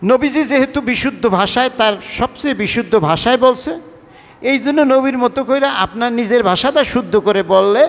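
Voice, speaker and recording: Here a Friday sermon is preached by a man with an extremely high, fairly bright voice who talks fairly quickly, and the sound is of a big room. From Bangladesh's Barishal-Patuakhali region, the imam uses Bengali with a Barishal accent, speaking conversationally in a mix of casual and formal speech and asking the congregation question after question.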